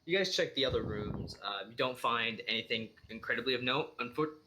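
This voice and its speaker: A man narrating a tabletop role-playing game as dungeon master, relaxed and full of fillers and restarts. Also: mid-range voice, fairly quick, background noise.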